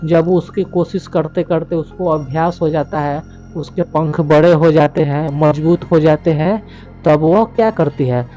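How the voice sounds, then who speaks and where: A man teaching a poem, explaining it line by line and reading the English lines very slowly. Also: fairly high pitch, warm tone, lo-fi sound, faint music behind. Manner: explains slowly, repeats "yani ki" often.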